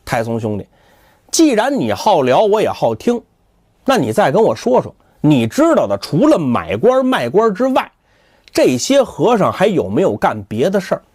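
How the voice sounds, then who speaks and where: A calm, stern older official speaks slowly, with quiet menace, as a male storyteller plays him. His voice drops lower than the narration but stays lively in inflection. The recording is dry and close. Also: slightly rough, dry recording, full character voice. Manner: slow, measured, quietly threatening.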